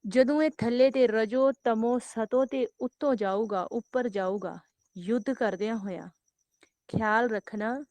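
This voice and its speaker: A woman preacher giving a devotional sermon, slowly chanting scripture lines and repeating phrases with rising emphasis. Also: fairly high pitch, a little mellow, no echo. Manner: repetitive, rising emphatic exhortation. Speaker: Sikh preacher giving katha.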